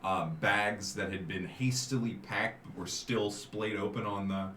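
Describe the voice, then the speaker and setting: A man running a tabletop game as game master, narrating in a relaxed, chatty way and laughing easily. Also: lowish voice, unhurried. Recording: echoey room with faint noise.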